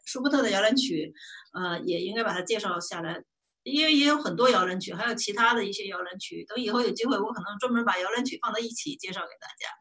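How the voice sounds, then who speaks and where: Bright-voiced woman explaining music. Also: mid-range voice, fast talker. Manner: hesitant, many fillers and restarts, hums melody snippets. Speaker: music appreciation presenter. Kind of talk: casual spoken music lesson.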